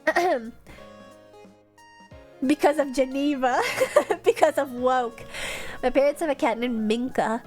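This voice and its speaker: This young woman streamer speaks slowly in a high, darkish voice, pausing often, while faint music plays behind her. She has a stuffed-up nose and giggles through casual live-stream chat as she reads fan messages.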